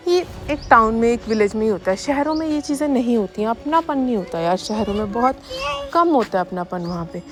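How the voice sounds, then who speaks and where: Fast-talking young mom narrating a vlog. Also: female voice, fairly high pitch, animated. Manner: fast, chatty, addresses viewers directly. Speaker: family vlogger. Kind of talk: casual voice-over narration of daily life. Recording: voice-over with faint background music.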